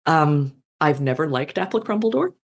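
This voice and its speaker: A fanfiction author in their thirties guests on a casual podcast interview, speaking thoughtfully and self-deprecatingly with many fillers and pauses. The voice is medium-pitched with lively intonation.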